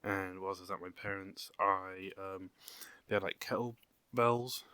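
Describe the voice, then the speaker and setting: A young man from England speaks in a very low, flat voice, short of breath and rambling through fillers and casual swearing. The sound is dry and close, with no room around it. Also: measured pace, clean tone, no room sound. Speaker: vlogger. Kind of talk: unscripted casual vlog.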